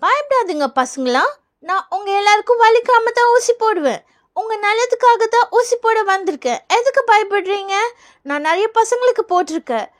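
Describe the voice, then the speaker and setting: A woman voicing a patient, gentle school nurse who calms scared children, in a doll play. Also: extremely high pitch, normal speed. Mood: soothing. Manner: soothing, patient.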